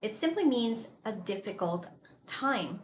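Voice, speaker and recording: A woman gives an English vocabulary lesson, explaining each word and phrase slowly and clearly, with a middle-pitched voice. She sounds like she is in an echoey room, with a faint hum of noise behind her. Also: sing-song. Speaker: English teacher.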